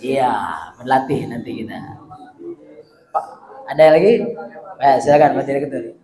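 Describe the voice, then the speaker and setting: A man teaches a recitation lesson at an unhurried, deliberate pace. He sounds out each syllable again and again so listeners can copy it. His voice carries a roomy echo from the hall. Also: medium pitch, fairly even intonation, dark tone. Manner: demonstrates sounds slowly, repeats syllables. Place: hall at a hospital study gathering.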